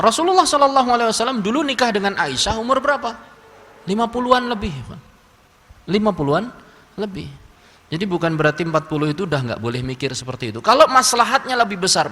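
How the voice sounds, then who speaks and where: A man's voice: high voice, lively intonation, racing, sharp tone. A man giving a religious lecture, telling funny stories and acting out the people in them. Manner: humorous storytelling with acted quotes. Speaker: preacher. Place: mosque hall. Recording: long hall reverb.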